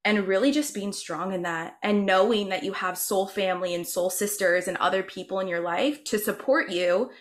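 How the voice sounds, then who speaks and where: A woman's voice: medium pitch, moderate pace, hardly any pauses. Woman guest on a video call, blunt and emphatic, swears casually, acts out other people's lines. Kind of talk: round table conversation.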